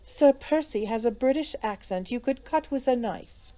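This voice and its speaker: A woman's voice: on the high side, animated, moderate pace, warm tone, pitched above the performer's own voice, close to an everyday voice. A woman voicing a merry, witty society lady with a playful, mocking manner in an audiobook. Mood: teasing.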